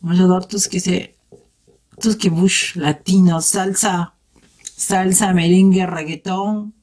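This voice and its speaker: A beauty vlogger's voice comes across fairly low and darkish, with fairly even intonation and a slightly slow pace. She chats casually through a makeup tutorial, addressing viewers directly as she works and exclaiming enthusiastically.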